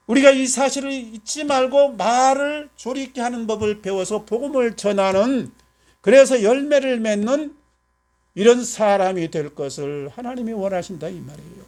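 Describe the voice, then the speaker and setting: A man's voice: high-pitched, a little mellow. A man in his seventies, a pastor preaching a sermon, asking rhetorical questions with emphasis and telling a homespun story. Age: 70s. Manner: folksy storytelling.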